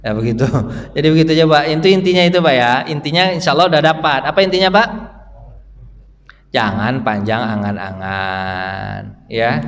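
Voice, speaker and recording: A man teaching a dawn study circle in a mosque, quizzing the congregation and answering himself, his pitch swinging up high to stress a point. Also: slight background noise. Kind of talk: interactive mosque lecture. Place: mosque hall. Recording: reverberant hall sound.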